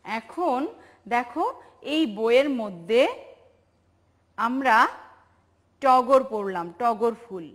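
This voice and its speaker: A woman's voice: a little high, expressive, takes it slowly, pauses often. A woman teaching a televised preschool lesson, patient and sing-song, asking questions and praising the children. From Bangladesh.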